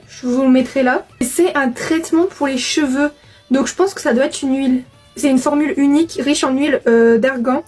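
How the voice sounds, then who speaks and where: High-voiced young woman gushing over beauty products. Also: a little mellow. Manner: chatty and gushing, many fillers. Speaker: beauty vlogger. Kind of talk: casual unboxing chat.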